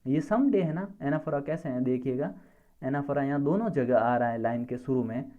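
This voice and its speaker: A male teacher explaining a lesson patiently, often checking that students follow and reading definitions out slowly and deliberately. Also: medium pitch, narrow, tinny audio. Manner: patient, repeats checks for understanding. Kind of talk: classroom-style lesson explanation.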